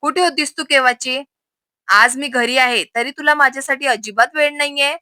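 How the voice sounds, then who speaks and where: A woman's voice: high voice, expressive, moderate pace, bright, forceful tone, no room sound, clean studio sound, full character voice. A woman voicing an impatient young husband who speaks sharply. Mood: annoyed.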